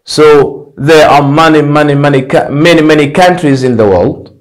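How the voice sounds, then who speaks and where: A young man teaching an English lesson at a whiteboard, repeating drill phrases slowly and emphatically, on a lapel mic. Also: on the high side, rough recording. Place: indoor studio in front of a whiteboard.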